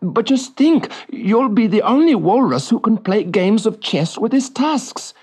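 A man's voice: high voice, lively intonation, darkish tone, breathy edge, voice pushed up, full character voice. Man doing a jittery young Viking captain. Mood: coaxing. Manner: nervous and hurried. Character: young nervous Viking captain, eager to please.

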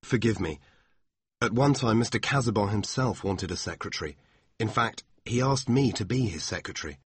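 A man voicing a sincere, devoted young man, speaking slowly and earnestly. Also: lowish voice, husky, no room sound, pitched above the performer's own voice.

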